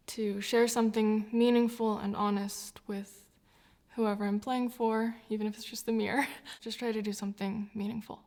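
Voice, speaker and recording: Her voice sits in the middle range with a darkish color here. The New Zealand-born, US-raised violinist in her twenties stays reflective in the documentary interview, often breaking into laughter.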